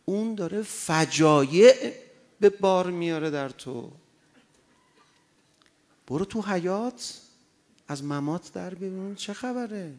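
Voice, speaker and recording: A man preaching a sermon, passionate, moving between loud urging and quiet storytelling. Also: sits high, lively intonation. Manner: impassioned, swings from loud exhortation to quiet anecdote. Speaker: cleric.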